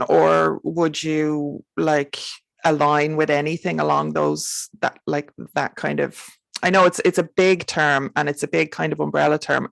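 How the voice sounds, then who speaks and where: An Irish woman with a heavily creaky voice hosts a casual interview. Her sound is dry and close, and she phrases things informally and tentatively. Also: sits low, no room sound. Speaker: interview host.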